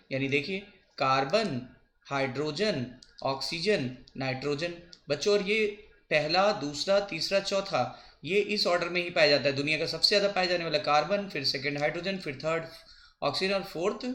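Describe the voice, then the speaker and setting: A man teaching a biology coaching lesson, repeating and spelling out memory tricks slowly for his students. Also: a little high, sharp tone. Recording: echoey room.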